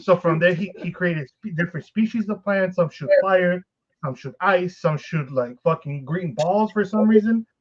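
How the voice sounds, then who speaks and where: A man's voice: sits high, moderate pace. Rambling man telling a story on a lo-fi podcast. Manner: rambling, profane, laughs often. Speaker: podcast co-host. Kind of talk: casual storytelling. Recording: dull lo-fi podcast recording.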